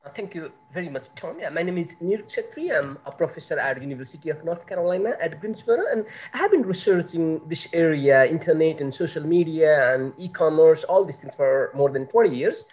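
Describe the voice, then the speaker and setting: A man who is a university professor, giving a factual, steady opening statement on an online panel and citing figures. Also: fairly high pitch, brisk, few pauses, lo-fi sound.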